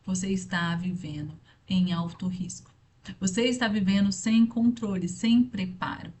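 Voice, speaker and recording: A woman's voice: mid-range voice, steady tone, unhurried, dark tone. A young woman speaking earnestly and directly to the listener in a motivational faith talk, repeating her points for emphasis.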